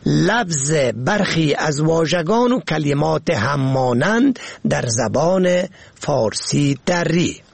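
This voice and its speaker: A man reading a pronunciation lesson on radio, slow and deliberate, spelling words out letter by letter. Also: on the high side, animated, creaky, slightly rough.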